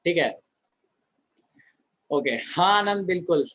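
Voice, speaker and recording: A male teacher leads an online chemistry class in a relaxed, conversational way, throwing out questions to his students and answering them himself. His voice sits a little higher than most men's. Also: takes it slowly, rough recording.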